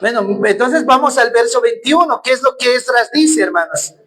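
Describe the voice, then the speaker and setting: A man's voice: extremely high pitch, lively intonation, moderate pace, a bit bright, poor audio. Earnest man preaching a sermon. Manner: earnest, asks rhetorical questions, keeps calling the congregation "brothers". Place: church.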